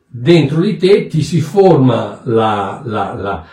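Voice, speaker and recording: Emphatic Italian-speaking preacher in echoey room. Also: male voice, mid-range voice, sing-song, takes it slowly, mellow, distant mic. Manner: emphatic, repeats words and restarts while explaining. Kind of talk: sermon-style Bible teaching.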